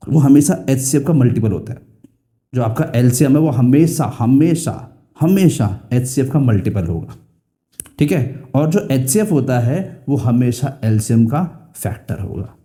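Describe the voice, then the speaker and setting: A man's voice: medium pitch, lively intonation, normal speed, dark tone. A young man with an Indian English accent teaching a school math lesson, repeating key phrases and asking and answering his own questions.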